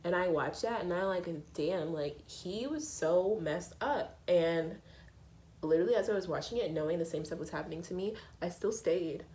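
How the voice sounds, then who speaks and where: A woman in her twenties chatting casually as a beauty vlogger, telling stories while doing her makeup and acting out quotes in a higher voice. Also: normal speed, rough recording. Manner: animated, acts out quotes in a higher voice.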